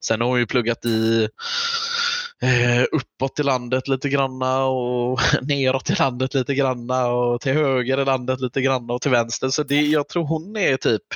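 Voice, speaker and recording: A man's voice: medium pitch, fairly even intonation, no room sound. A man, chatting casually as a podcast co-host on a slightly muffled microphone. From Gothenburg, Sweden. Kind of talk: casual chat.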